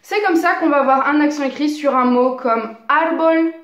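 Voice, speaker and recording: A woman teaching a language lesson, explaining grammar rules with enthusiasm and slowing down to spell out example words. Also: sits high, a bit bright, roomy sound.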